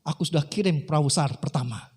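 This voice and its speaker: A calm, patient God explains himself plainly and without hurry, as a preacher voices him. The voice sits fairly high and stays even. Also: male voice, fast, husky.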